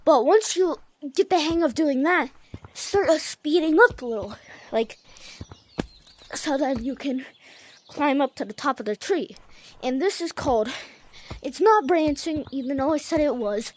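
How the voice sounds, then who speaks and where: High-voiced chatty young gaming tutor. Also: female voice, unhurried, long pauses. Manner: chatty, loose, says y'all and like. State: a bit out of breath. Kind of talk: casual game tutorial.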